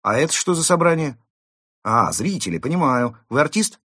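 A man voicing a brash, cheerful masked animal burglar who mocks and shouts gleefully. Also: mid-range voice, sing-song, moderate pace, breathy edge, no echo, clean studio sound, voice pushed up, full character voice. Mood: mocking. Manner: loud, mocking, gleeful shouting.

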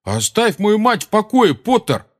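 A man voicing a nervous, hot-tempered teenage boy who shouts in agitation. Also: high-pitched, huge pitch swings, unhurried, pitched above the performer's own voice, heavily acted. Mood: angry.

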